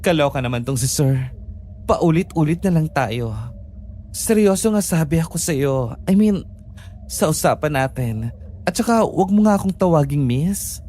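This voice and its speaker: A sassy young nurse, low mellow voice, teasing and unafraid. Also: female voice, expressive. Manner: teasing, sassy, quick comebacks. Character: cheeky, fearless young female private nurse. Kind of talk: audio drama acting.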